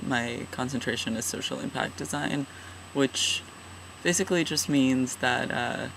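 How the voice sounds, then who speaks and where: Young man, twenties, casual vlogger; halting and self-deprecating, slow delivery over a steady hum. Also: medium pitch, creaky. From California, USA. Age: 20s. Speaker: vlogger, regular channel contributor. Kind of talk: casual personal vlog.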